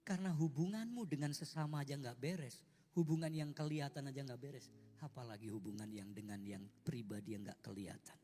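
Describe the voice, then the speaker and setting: A man preaching a sermon in style, telling a personal story with swings from hushed, tearful speech to loud outbursts. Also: medium pitch, a little fast. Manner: emotional testimony, swings from hushed to loud, sings. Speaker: pastor. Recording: long hall reverb with faint music.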